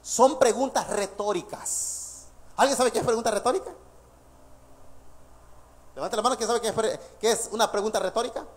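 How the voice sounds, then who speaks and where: A male pastor preaching a sermon, lively and laughing between points, quizzing the congregation with questions. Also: high voice, moderate pace, long pauses.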